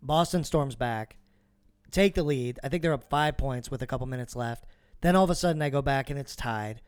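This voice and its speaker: A man's voice: mid-range voice, fairly quick, clean tone, no room sound. A man co-hosting a sports podcast, talking casually and swearing freely. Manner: laid-back, swears freely. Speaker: podcast co-host.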